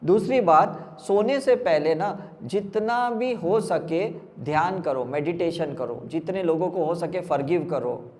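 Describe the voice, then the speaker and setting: A man's voice: fairly high pitch, lively intonation, measured pace, a little mellow, long reverb tail, slight background noise. A man from India, a spiritual healer, giving an emphatic motivational talk and firing rhetorical questions at a live audience.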